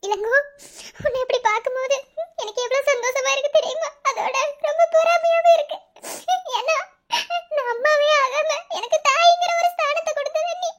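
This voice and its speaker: Woman doing a cartoon foster mother, Madurai Tamil accent, tiny sky-high voice, soft, tearful. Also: a little fast, highs cut off. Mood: tender. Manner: soft, tearful, laughing through sorrow. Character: tender grieving foster mother, middle-aged woman. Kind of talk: cartoon voice acting.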